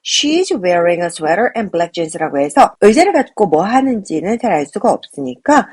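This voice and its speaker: A woman teaching an exam-prep lesson as an English speaking test instructor, explaining step by step and repeating key English words slowly for drilling. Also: fairly low pitch, sing-song, darkish tone, breathy edge.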